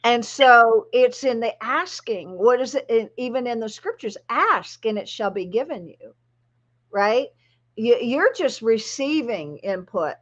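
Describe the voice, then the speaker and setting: A woman's voice: a little high, expressive, measured pace, dull audio. Chatty, emphatic woman teaching in conversation. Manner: chatty, emphatic, laughs often. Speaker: spiritual guide and host.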